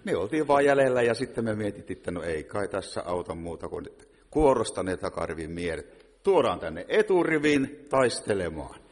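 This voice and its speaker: A man's voice: low-pitched, expressive, darkish tone. A man from a visiting choir, talking in a joking, rambling way at a church service. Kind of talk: humorous talk at a church service. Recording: reverberant church hall with faint noise.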